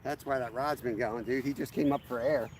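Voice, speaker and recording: A man of ordinary pitch hosts a casual fishing vlog from a riverbank. He talks in a relaxed, easygoing way and addresses his viewers directly, with faint outdoor noise behind him. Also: brisk. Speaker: fishing channel host.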